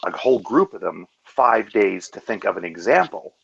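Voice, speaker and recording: A man's voice: on the low side, sing-song, normal speed, vocal fry, fairly bright tone, slightly rough, lo-fi sound. A man in a casual video call discussion, talking earnestly and working through his points step by step. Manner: earnest, analytical, full of fillers and restarts. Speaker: hangout guest.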